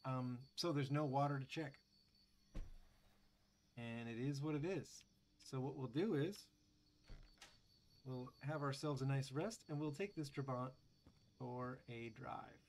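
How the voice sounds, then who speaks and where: A man's voice: mid-range voice, a little slow, long pauses, a little mellow, a little hiss or hum. A man hosting a gaming channel, giving casual, chatty commentary over gameplay with wry, sarcastic asides and lots of fillers.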